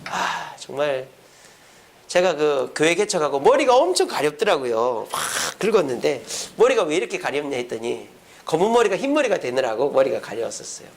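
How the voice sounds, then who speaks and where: At a church prayer service, a pastor with a high-leaning, creaky voice preaches a little fast. He poses questions to the congregation and answers them himself, acting out quoted speech in lively voices.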